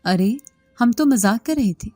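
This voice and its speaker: A woman's voice: on the high side, expressive, unhurried, mellow, no room sound, studio quality. A woman voicing a cocky young male college student who mocks and smirks, in a storybook reading with faint music behind. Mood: mocking. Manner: smirking, mocking.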